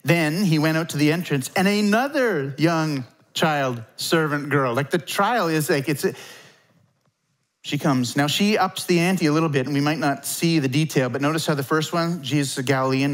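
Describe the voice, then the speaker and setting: A man's voice: on the high side, normal speed. Man preaching a conversational sermon. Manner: conversational, emphatic preaching with acted-out quotes. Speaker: pastor.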